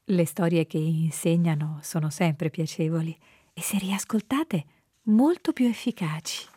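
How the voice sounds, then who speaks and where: A woman in a calm, measured conversation about spirituality, at times dropping to a soft whisper. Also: sits low, slightly rough, no echo. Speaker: guest speaking on spirituality. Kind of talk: reflective conversation.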